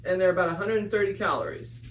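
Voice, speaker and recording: A man's voice: high-pitched, fast, a bit bright. A man hosting a casual group snack review, chatting informally as he leads the others. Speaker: host of a snack tasting review. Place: room with a group of tasters. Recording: roomy echo, distant mic, faint noise.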